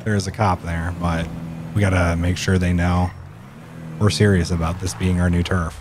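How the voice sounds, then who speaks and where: A man's voice: deep voice, little pitch movement, moderate pace, noisy background. A man playing a gang member in a video game roleplay, joking and laughing easily. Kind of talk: casual in-character game chat.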